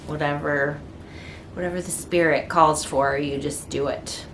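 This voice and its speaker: A woman's voice: low-pitched, fairly even intonation, a little slow, fairly bright tone, a little hiss or hum. A middle-aged woman artist chatting casually to the camera in her studio, rambling with lots of ums and restarts. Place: indoor art studio.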